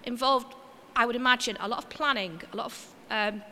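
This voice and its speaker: A woman preacher with a fairly high, bright voice gives a relaxed, chatty sermon. Her talk is homely and she pokes gentle fun at herself. The sound carries the long reverb of a church hall, with faint noise behind. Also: fairly quick. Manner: chatty and homely, with gentle self-mocking asides. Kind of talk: informal sermon.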